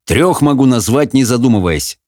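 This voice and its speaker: A man voicing a vain, sulky young wizard with a head cold, speaking hoarsely and irritably. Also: mid-range voice, animated, normal speed, darkish tone, no echo, studio quality, natural voice. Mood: drawling. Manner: irritable, whiny.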